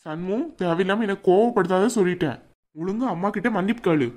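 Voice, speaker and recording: A man's voice: high-pitched, fast talker, darkish tone, lightly acted. A man voicing a young husband in a cartoon, pleading with his mother and stern with his wife. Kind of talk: cartoon dubbing.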